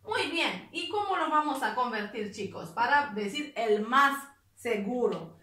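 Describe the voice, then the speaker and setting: A woman teaching an English grammar lesson, explaining step by step and repeating words slowly. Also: on the high side, animated, bright, forceful tone, echoey room, recorded from a distance.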